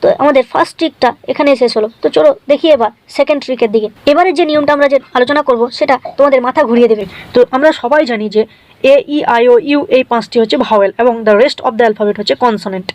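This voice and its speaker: Brisk, high-pitched woman tutor. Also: a little mellow, dry recording. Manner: brisk and explanatory, often checking in with the viewer. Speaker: English spelling tutor. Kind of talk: scripted video lesson.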